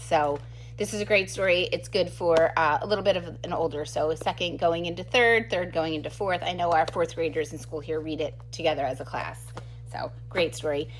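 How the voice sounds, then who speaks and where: Speaking in a low voice, this enthusiastic middle-aged woman, a second grade teacher, gives a relaxed, giggly book talk to camera with her recommendations. There's a slight hiss or hum in the background.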